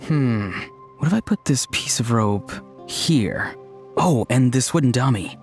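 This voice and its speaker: Young game tribesman, medium pitch, earnest, easygoing, explanatory, faint music behind. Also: expressive, measured pace. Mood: pondering. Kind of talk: video game character acting.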